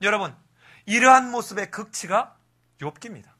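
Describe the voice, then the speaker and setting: A male pastor giving an animated Sunday sermon, telling scripture stories with rhetorical questions. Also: high-pitched, moderate pace. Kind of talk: expository sermon.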